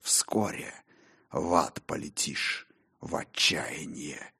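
A male audiobook narrator voicing an ominous angel of evil speaking from a stage in a low, hushed voice. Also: fairly even intonation, takes it slowly, creaky, husky, exaggerated voice. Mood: menacing.

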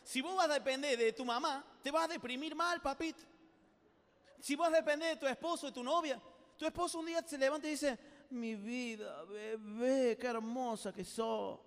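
Argentine-sounding guy giving a funny youth talk, really high voice, big echoey hall. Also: fairly quick. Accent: Rioplatense Spanish. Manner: animated, acts out voices, jokes with the audience. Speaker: youth speaker.

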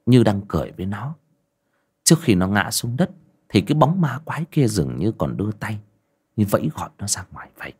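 A man narrating a spooky folk tale in a dramatic way that turns hushed at tense moments. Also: on the low side, husky. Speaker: storyteller.

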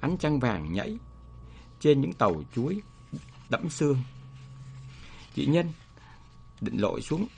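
A man narrating a story aloud in a measured, expressive way. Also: a little high, vocal fry, a little hiss or hum.

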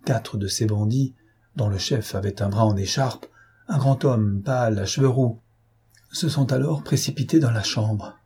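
A man reads a classic novel aloud in a measured, expressive way. His voice is dark and mellow with a very husky, rough grain. The reading is steady and dramatic. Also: medium pitch. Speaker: audiobook narrator.

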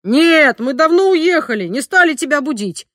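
Woman playing a shouting overjoyed father. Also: high-pitched, animated, normal speed, no room sound, clean studio sound, pitched above the performer's own voice. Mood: elated shouting. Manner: shouting breathlessly with joy. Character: overjoyed new father, middle-aged man, excitable.

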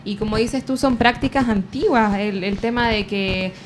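Una mujer con acento chileno que conduce el programa, habla de forma reflexiva y pausada, con muletillas. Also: female voice, medium pitch, a little hiss or hum. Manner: reflective, measured, many fillers. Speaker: host. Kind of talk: casual radio chat. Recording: faint background ambience.

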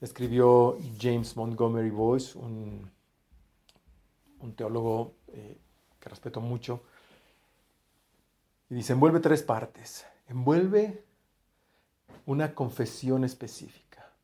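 Warm-voiced pastor preaching. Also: male voice, medium pitch, takes it slowly, long pauses. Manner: conversational, restarts phrases, voice often drops to a quiet close. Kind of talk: sermon.

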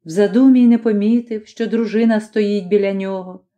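A woman narrating a fantasy story as an audiobook, in a measured, dramatic reading. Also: mid-range voice, fairly even intonation, dark tone.

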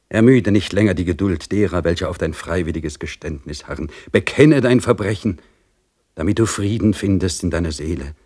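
A man's voice: low voice, a little mellow. A man voicing a stern, sanctimonious male priest who presses a prisoner in an urgent, preaching manner.

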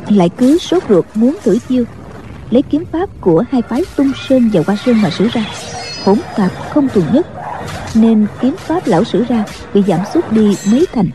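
A woman narrating a martial-arts novel audiobook in a steady, even storytelling manner. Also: a little high, moderate pace, a little hiss or hum.

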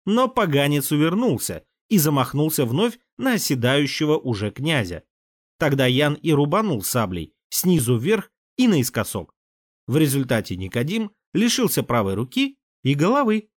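A male audiobook narrator reading a historical novel with lively, varied intonation. The recording is close and dry, with no room sound. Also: medium pitch, dry recording. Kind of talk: scripted narration.

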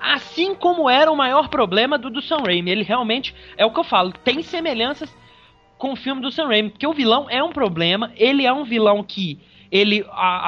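Co-host, mid pitch, halting and calming, muffled recording. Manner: conciliatory, hesitant, restarts while explaining. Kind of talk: casual film discussion. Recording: dull lo-fi recording.

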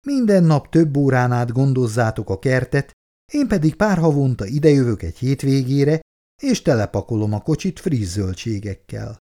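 A man's voice: medium pitch, very animated, dark tone. A man voicing a playful, teasing young woman in an audiobook.

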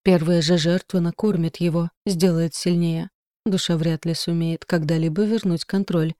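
Gloomy old-soul guardian guy, slow and grim, woman reading him, warm dry voice. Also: on the low side, steady tone, no echo, natural voice. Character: gloomy male soul guardian, weary mentor.

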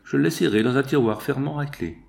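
A man reading aloud, voicing a cunning blackmailer who speaks calmly and mockingly. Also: mid-range voice, quick pace, gravelly, voice pushed up, natural voice. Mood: calm menace. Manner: calm, quietly mocking. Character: cunning, mocking male blackmailer, calm and smooth.

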